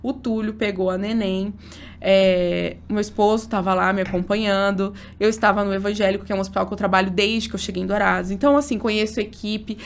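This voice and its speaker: A woman in her thirties, an obstetrician guest, telling a personal story in a casual interview. She talks in an emotional, animated way, full of fillers. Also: mid-range voice, fast talker, slight background noise.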